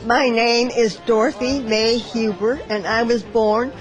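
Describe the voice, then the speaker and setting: A woman's voice: on the high side, steady tone, unhurried, poor audio. A woman in her nineties from Los Angeles, speaking cheerfully as a birthday honoree. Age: 90s.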